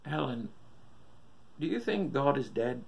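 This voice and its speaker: A man's voice: medium pitch, sing-song, a little slow, creaky, pitched above the performer's own voice. A man voicing a troubled husband and son, earnest and questioning, in a horror story reading. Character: troubled adult son doubting God, shaken husband.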